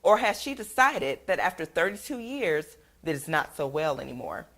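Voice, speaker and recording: Female news anchor, lowish voice, steady read-out delivery. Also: moderate pace.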